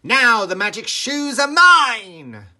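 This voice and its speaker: A man's voice: extremely high pitch, sing-song, slow pace, bright, forceful tone, pitched above the performer's own voice, full character voice. A man voicing a gloating, greedy female storybook witch in a hissing, cackling, theatrical manner.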